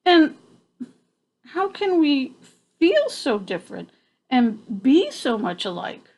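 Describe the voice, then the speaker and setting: A woman's voice: sits high, wildly swooping pitch, takes it slowly, darkish tone, exaggerated voice, poor audio. A woman voicing small, bewildered young birds in a storybook, exclamatory and wide-eyed. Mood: wondering.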